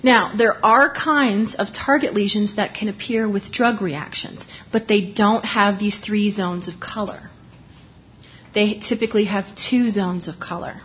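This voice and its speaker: A woman's voice: medium pitch, measured pace, muffled recording, a little hiss or hum. A woman lecturing on dermatology in a conversational, explanatory way, restarting sentences often and talking with a lozenge in her mouth. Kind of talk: live lecture.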